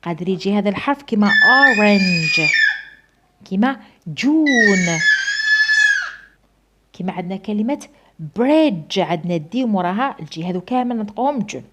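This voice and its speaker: A woman with an Algerian Arabic accent, an English teacher explaining pronunciation in a lesson, drawing out example words slowly and calling on students to follow her. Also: mid-range voice, expressive, raised voice, heavy background noise. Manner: slow drawn-out model pronunciations, coaxing "listen to me". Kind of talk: classroom lesson explaining sounds.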